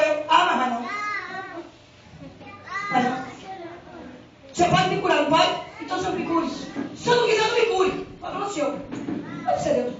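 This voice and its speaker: A woman's voice: high voice, noisy background. Fervent woman preaching in an echoey hall. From Brazil. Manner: fervent, swings from quiet to shouting. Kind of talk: sermon. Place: church hall. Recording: echoey hall from far off, dull with crowd.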